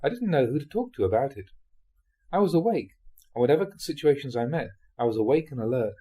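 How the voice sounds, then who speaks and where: With a fast delivery, a male monk reads translated Buddhist teachings aloud in audiobook fashion. His voice sits mid-range, soft and mellow but husky, and his pitch shifts freely, so the reading takes on an expressive, story-like shape.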